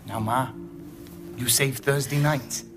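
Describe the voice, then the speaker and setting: A man's voice: medium pitch, steady tone, takes it slowly, close to an everyday voice. A man playing a nervous young groom. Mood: pleading. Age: young adult. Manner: pleading and earnest. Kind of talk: 1940s film acting.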